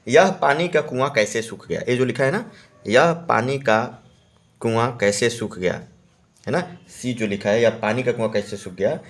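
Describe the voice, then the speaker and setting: In an unhurried way, a Hindi exam-prep teacher, male and mid-pitched, explains a practice test answer by answer. He restates key words and regularly checks that people are following.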